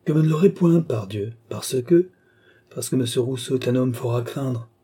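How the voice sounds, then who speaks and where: A man's voice: mid-range voice, moderate pace, dark tone, husky, close to an everyday voice. A man voicing a shrewd, fussy middle-aged police chief in an audiobook, speaking emphatically. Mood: alarmed.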